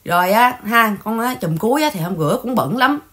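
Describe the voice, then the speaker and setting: A woman's voice: fairly high pitch, expressive, brisk, fairly bright tone. A woman hosting an online channel, chatting casually and mocking others in scolding gossip. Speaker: channel host. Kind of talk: casual livestream chat.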